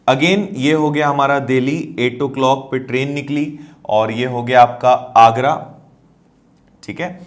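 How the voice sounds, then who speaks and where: Man teaching maths step by step. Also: fairly high pitch. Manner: explanatory, checks understanding with questions. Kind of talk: explaining math problems on a board.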